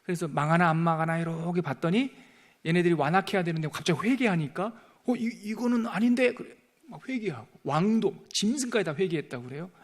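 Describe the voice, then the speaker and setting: A male pastor teaching a Bible lesson in a lively, playful way, acting out the scripture's dialogue as he goes. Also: on the high side, fast talker.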